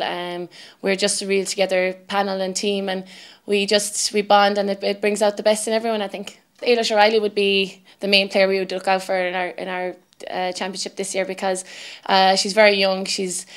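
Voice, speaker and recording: A woman in her twenties speaks with a west of Ireland accent. Her voice is clear and smooth at a middling pitch, with little rise and fall. She talks reflectively, as an athlete answering interview questions. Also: a bit bright. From Galway, west of Ireland. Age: 20s. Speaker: camogie player being interviewed. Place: indoor interview set with sponsor backdrop.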